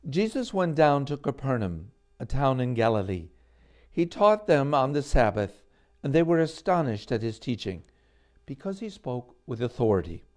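Older man preaching, mellow deliberate voice. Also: medium pitch, big pitch swings. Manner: deliberate, short phrases with pauses. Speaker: bishop, celebrant. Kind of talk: gospel reading and homily. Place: small chapel indoors.

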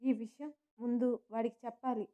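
A woman's voice: fairly high pitch, level tone, normal speed, warm tone, highs cut off, close to an everyday voice. A woman narrator voicing a furious, scheming middle-aged mother who speaks harshly and makes threats. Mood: angry.

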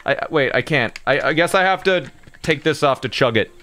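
A man's voice: a little high, animated, brisk, bright, forceful tone, clear, resonant tone. A young man streaming a game in casual chat, joking and rambling, sounding tired and groggy. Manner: chatty, joking, trails off and restarts. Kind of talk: casual livestream chat over gameplay.

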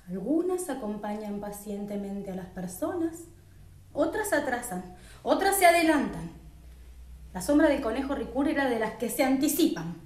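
A woman reading a children's story aloud in an expressive, unhurried way. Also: high voice. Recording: roomy echo.

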